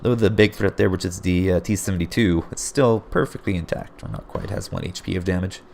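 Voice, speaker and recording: A game caster with a low, gravelly, increasingly raspy voice narrates a replay play by play at a brisk clip. Excitable, he bursts in again and again with surprised exclamations, while a faint hiss runs underneath.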